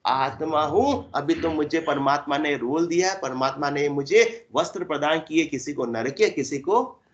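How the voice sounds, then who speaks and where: A man giving a spiritual discourse, explaining by asking and answering his own questions and drawing out verse lines slowly. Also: a little high. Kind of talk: Hindi satsang discourse. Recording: dull lo-fi recording.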